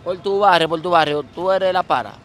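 A man's voice: high voice, fairly quick, a bit bright, a little hiss or hum. A man with a Dominican accent, interviewing someone on the street in a playful, teasing way.

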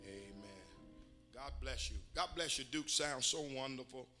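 A man's voice: mid-range voice, a little slow, sharp tone, faint music behind. An older man preaching a sermon as bishop in a church, folksy and full of amens, building to emphatic exhortation. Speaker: bishop and pastor. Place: church sanctuary.

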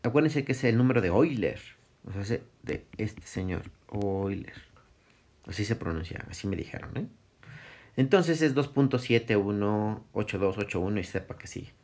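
A man's voice: fairly low pitch, animated, brisk, darkish tone. A middle-aged man, giving a casual recorded math lesson, thinking aloud and correcting himself as he goes. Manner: casual, self-correcting, thinks aloud, chuckles at his slips. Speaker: math teacher. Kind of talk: recorded classroom lecture.

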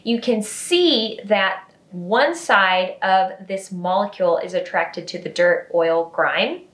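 A woman's voice: mid-range voice, slow, a bit bright, reverberant. A woman explaining hair care ingredients in a chatty, giggly, self-deprecating vlog style.

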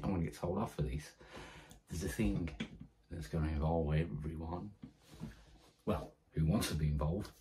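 A man's voice: sits low, slight background noise. A middle-aged British man talking casually to camera about his airgun group, chatty and enthusiastic, with many fillers and restarts. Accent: British English. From United Kingdom. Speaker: airgun community group founder. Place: small indoor room with guns on the wall. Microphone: camera close in front.

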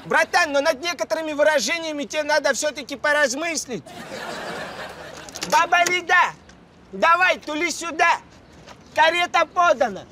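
A squeaky-high cartoon street hustler. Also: male voice, normal speed, pauses often, noisy background. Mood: chummy, smug. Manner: slangy, wheedling, mock-dignified. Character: wily young street hustler taxi driver, smooth-talking, chummy. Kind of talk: animated comedy dialogue.

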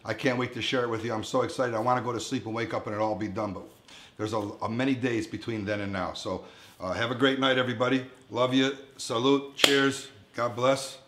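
In an echoey commercial-style kitchen, a man in his fifties hosts a relaxed cooking show, chatting informally with viewers at home. His medium-pitched voice is level, slightly quick and a bit bright. Kitchen clatter and some background noise come through.

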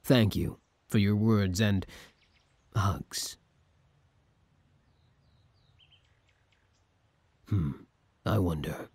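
A man plays a possessive future villain in an intimate scripted ASMR roleplay, his voice exaggerated, lowish, husky and darkish. He speaks slowly and deliberately, commanding but lovesick and wistful, in a dry, close recording.

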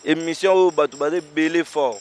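A man, a stage comedian and actor telling his story in a casual interview. He talks in animated bursts, dropping to quiet asides and rising to loud exclaims. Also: fairly high pitch, normal speed, clean tone, soft background music.

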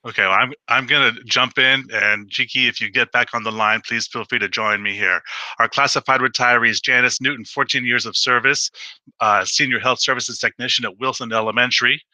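A middle-aged man in an office reading out retirees and their years of service in a steady, plain way over a headset on a video call. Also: medium pitch, a little fast, no echo, low-quality recording. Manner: steady, plain, listing names. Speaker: school district administrator. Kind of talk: formal ceremony remarks on a video call. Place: small office indoors.

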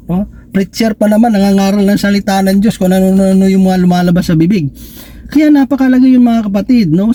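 A man's voice: sits high, mellow. A Filipino preacher giving a casual, conversational sermon that mixes in English, often asking his listeners "right?" and joking with them. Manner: conversational, asks "di ba?" and "no?" often, jokes.

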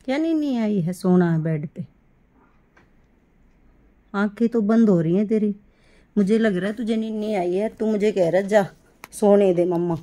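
A middle-aged woman talking baby talk to her pet rabbit, coaxing and doting in a sing-song way with soft laughs. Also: mid-range voice, moderate pace, long pauses. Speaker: pet vlogger caring for rescued animals.

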